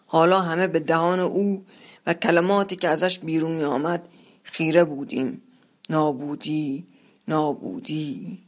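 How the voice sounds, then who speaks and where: A measured storyteller reading a literary tale aloud in the first person. The delivery is steady and deliberate, paced for listening. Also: medium pitch.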